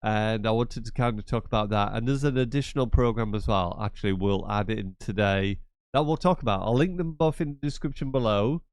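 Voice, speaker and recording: Speaking briskly at a fairly low pitch, a gaming host sounds a little mellow, clear, and resonant, with no room sound. He is congested from a cold, his voice nasal and blocked. Through a casual screen-share tutorial he stays chatty and repetitive, with rambling asides.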